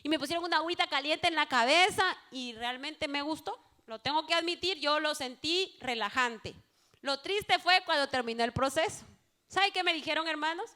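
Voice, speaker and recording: A woman giving a fervent evangelical testimony to a church congregation, speaking straight to the listeners and swinging between hushed passages and loud exclaimed ones. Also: high voice, moderate pace. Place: church service.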